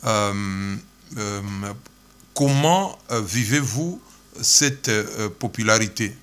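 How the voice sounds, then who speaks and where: Slow, hesitant male interviewer. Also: lowish voice, fairly bright tone, smooth. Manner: hesitant, many fillers between words. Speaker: journalist interviewer. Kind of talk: press interview questions.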